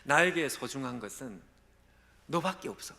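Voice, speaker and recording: A man preaching a sermon voices a gentle, loving God in soft, hushed tones, partly whispered, in a large church hall. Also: medium pitch, expressive, normal speed, gravelly, exaggerated voice. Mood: tender. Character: gentle loving God, male, tender and reassuring. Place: church sanctuary during a live dawn service.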